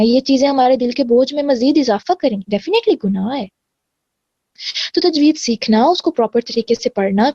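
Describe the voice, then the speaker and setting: A woman's voice: fairly high pitch, a little mellow, dry recording, lo-fi sound. A woman teaching a religious lesson, explaining earnestly and mixing in English words. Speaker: Quran teacher.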